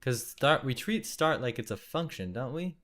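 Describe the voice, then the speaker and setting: A young man thinking aloud while live-coding at his desk, musing and questioning himself in halting bursts. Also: mid-range voice, big pitch swings, a bit bright. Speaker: programmer live-coding a compiler. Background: keyboard typing and clicking.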